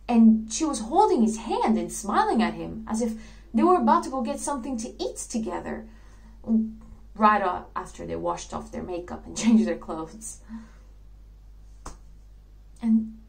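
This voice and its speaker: A woman playing a dreamy, idealistic young actress in a theatrical monologue, telling her story earnestly with soft laughs. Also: fairly high pitch, gravelly, exaggerated voice, low-quality recording. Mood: moved.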